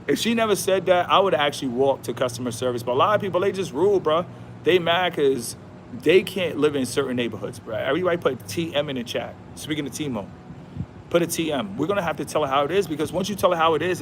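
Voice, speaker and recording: A man livestreaming outdoors with a slightly high-pitched voice. He talks in a slangy, emphatic, repetitive way and keeps calling the viewer "bro." Faint traffic noise hums behind him. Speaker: livestream host. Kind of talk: casual livestream monologue.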